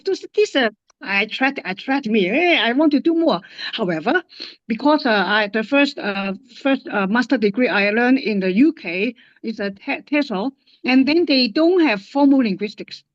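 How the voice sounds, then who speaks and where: A woman from Hong Kong with a Hong Kong English accent, a guest linguist in a casual interview, speaking haltingly with many fillers and restarts. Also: fairly high pitch, lively intonation, no echo, muffled recording.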